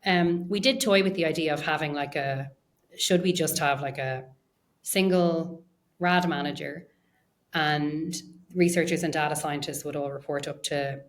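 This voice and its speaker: Here an executive in research and data science talks as an interview guest, her voice low and her pace a little slow. She thinks aloud in a conversational way, using hedged wording as she explains.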